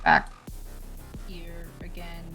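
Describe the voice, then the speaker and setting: A woman with a slightly low voice plays a tabletop game. She talks slowly and casually, tentatively thinking aloud over music. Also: sing-song, a bit bright. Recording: music behind the voice.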